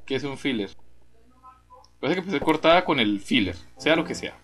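A young man hosting a gameplay video, reacting with excited groans and exclamations while reading game text aloud in casual commentary. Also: mid-range voice, moderate pace. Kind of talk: casual let's-play commentary.

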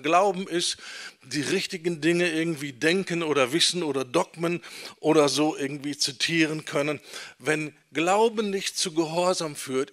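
A middle-aged man preaching a teaching sermon in a church, emphatic, slowing down and repeating key phrases for stress. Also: a little high, a bit bright. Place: church hall.

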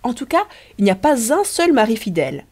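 A catty society gossip who speaks slyly and mockingly, as a woman reader puts her on. The tone is warm and dark. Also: fairly high pitch, sing-song, a little fast, voice pushed up. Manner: sly, mocking.

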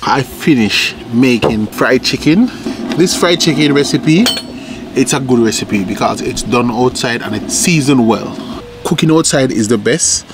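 A man's voice: medium pitch, lively intonation, a little slow, background noise. A man cooking outside over a wood fire, talking straight to his viewers in an upbeat way. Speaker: cook showing a recipe. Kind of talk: outdoor cooking vlog. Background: oil sizzling, faint music.

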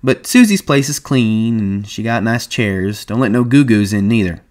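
A man's voice: fairly low pitch, animated, normal speed, a little mellow, close to an everyday voice. A man reading aloud and playing a chatty young ranch hand who talks in an eager, gossipy drawl. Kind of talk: audiobook reading.

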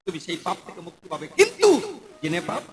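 A man performing a devotional kirtan sermon, lively and questioning the audience as he goes. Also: high-pitched, fast talker, a little hiss or hum, poor audio. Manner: lively, addressing the audience directly and asking them questions. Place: live kirtan gathering. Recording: live crowd audible behind.

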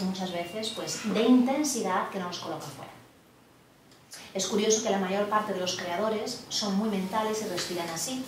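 Woman, workshop lecturer, chatty and digressive, echoey hall, far from mic, noisy. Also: mid-range voice. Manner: animated, digressive, asks the group questions. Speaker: body psychotherapy workshop leader. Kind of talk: informal lecture to a group. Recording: echoey room, distant mic, background noise.

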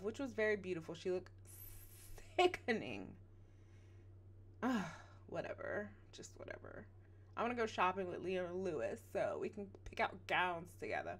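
A woman's voice: mid-range voice, animated, brisk, hardly any pauses. A woman hosting a reaction vlog, chatting playfully and animatedly straight to her viewers. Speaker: reaction channel host.

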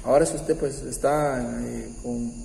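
A man hosting a keyboard tutorial, explaining step by step in a patient, halting way with many pauses and restarts. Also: medium pitch, fairly even intonation, creaky, a little hiss or hum. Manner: warm, patient, uses religious greeting. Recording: roomy, echoey room with long reverb. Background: faint keyboard music.

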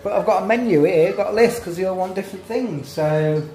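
A man's voice: high-pitched, fairly quick, mellow, low-quality recording. A man, chatting casually to viewers about feeding his kids, rambling and easygoing. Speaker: vlogger. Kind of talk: casual home vlog chat. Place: small home kitchen and living room. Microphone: phone held at arm's length.

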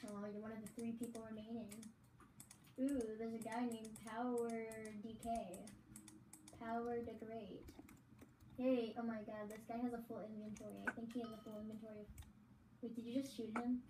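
A woman with a fairly high voice talks in loose, excitable running commentary as she watches a friend's game. She rambles from one thought to the next. The sound is roomy and echoey, with a faint hiss underneath. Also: moderate pace.

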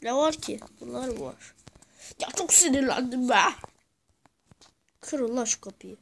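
High-voiced woman yelling at a game. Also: animated, measured pace, creaky, slight background noise. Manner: rowdy, cursing, yelling at the game. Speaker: gamer. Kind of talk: gameplay commentary.

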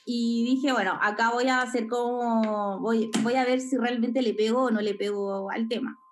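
A woman's voice: fairly high pitch, steady tone, normal speed, noisy background. A young woman with a Chilean accent, chatting casually as an interview guest, full of fillers. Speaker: guest, esports photographer.

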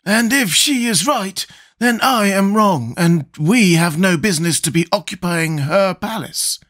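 A man's voice: high voice, expressive, unhurried, fairly bright tone, pitched above the performer's own voice, exaggerated voice. A man voicing a thoughtful, mild-mannered living scarecrow in a children's storybook. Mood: pondering.

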